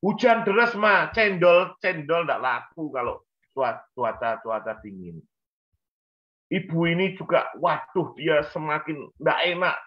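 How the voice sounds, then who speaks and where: A man, telling a lively story with acted-out voices on a church talk show. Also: on the high side, measured pace. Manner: animated, acts out voices in his story. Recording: dull lo-fi sound.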